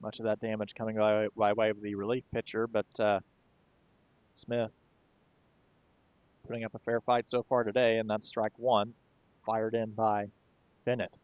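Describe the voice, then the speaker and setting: A man doing relaxed, conversational play-by-play commentary for a baseball game, with occasional fillers. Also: on the low side, moderate pace, long pauses, clean tone, no echo, lo-fi sound. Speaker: play-by-play announcer.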